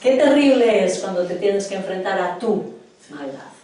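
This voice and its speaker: A woman's voice: mid-range voice, lively intonation, normal speed, warm tone, far from the mic. A middle-aged woman from preaching a sermon in a church hall, earnestly questioning her congregation. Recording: echoey hall, voice from afar.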